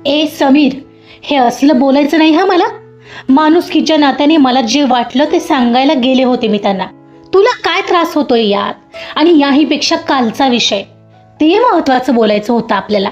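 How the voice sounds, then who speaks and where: A woman's voice: high-pitched, lively intonation, normal speed. A woman voicing a caring, outspoken young woman office worker who talks firmly. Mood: indignant. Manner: firm, outspoken. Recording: dull lo-fi audio with faint music.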